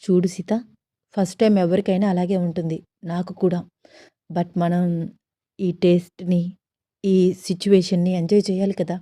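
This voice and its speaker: A woman's voice: on the low side, level tone, moderate pace, pauses often, dark tone, dry recording, studio quality, close to an everyday voice. A woman voicing a teasing, eager young husband who scolds playfully.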